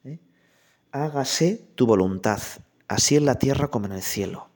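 A priest preaching a conversational sermon, speaking directly to the listener with questions and anecdotes. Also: male voice, mid-range voice, lively intonation, moderate pace, darkish tone.

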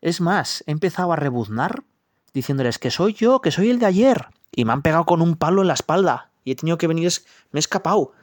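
A vain young donkey colt, as a preacher puts him on, chirps in a high, childlike storybook voice that climbs well above a man's normal range. He whines and brags in turn. The sound is close and dry. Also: expressive, fast talker, dry recording, close to an everyday voice. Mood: tearful. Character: vain young male donkey, boastful and whiny.

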